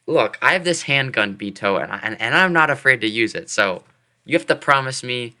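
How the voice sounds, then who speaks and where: Bright-voiced man playing a tabletop game. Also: mid-range voice, brisk. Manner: animated, restarting often. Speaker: player. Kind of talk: casual tabletop play.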